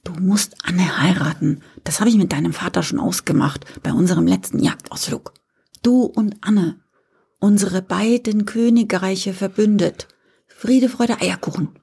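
A woman voicing a scheming old king who speaks in a pompous, booming way and trips over his words. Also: expressive, slow pace, gravelly, darkish tone, slightly rough, full character voice. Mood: conspiratorial.

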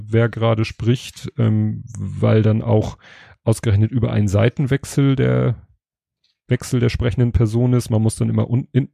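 A man discusses a book in a measured, reflective tone. His voice is dark and mellow with a gravelly, husky edge, recorded dry and close. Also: medium pitch, dry recording. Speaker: book reviewer. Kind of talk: book review with read-aloud passages.

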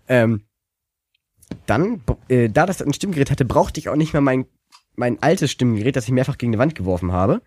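A man's voice: mid-range voice, animated, normal speed, darkish tone, slightly rough. A man chatting casually as podcast co-host, rambling and hesitant with many fillers. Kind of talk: casual chat.

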